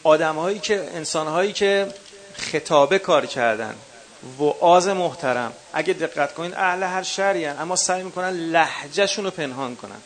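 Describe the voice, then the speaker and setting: A man's voice: on the high side, fairly bright tone. A man with a Qom accent teaching a workshop for eulogy singers. He counts off numbered points and calls his listeners dear ones. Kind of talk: workshop lecture. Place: workshop session with a live audience.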